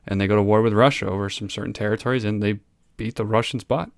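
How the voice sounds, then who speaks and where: Gravelly low-voiced man reviewing history. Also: fairly even intonation, fast, dry recording, studio quality. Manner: rambling, easily sidetracked, self-mocking. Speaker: history teacher. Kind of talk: casual exam review lesson. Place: his room at home. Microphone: desk microphone.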